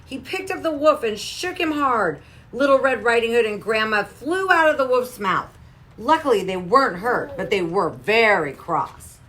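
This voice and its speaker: A woman reading a children's storybook aloud in a clear, lively way. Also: on the high side, moderate pace. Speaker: storybook reader.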